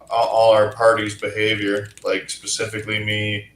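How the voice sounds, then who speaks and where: Lowish man in an echoey room. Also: completely flat delivery, normal speed, fairly bright tone. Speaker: tabletop game player. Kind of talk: casual chat after a game session.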